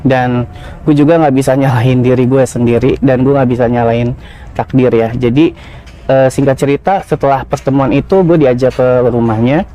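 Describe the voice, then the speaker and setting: Mellow-voiced man in his thirties. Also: medium pitch, steady tone, moderate pace. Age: 30s. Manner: casual slangy confessional, many fillers. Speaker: podcast guest. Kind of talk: personal storytelling.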